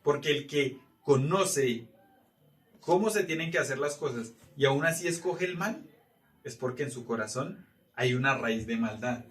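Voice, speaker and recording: A man's voice: medium pitch, expressive, unhurried, fairly bright tone. Man teaching a Bible class, roomy and distant. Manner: asks the room for agreement often. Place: church meeting room.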